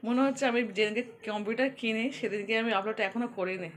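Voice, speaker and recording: A woman's voice: a little high, fast. A woman with a Bengali accent chatting to viewers in a home vlog, recorded on a phone at home. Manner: chatty, addresses viewers directly. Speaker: vlogger. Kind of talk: casual home vlog chat.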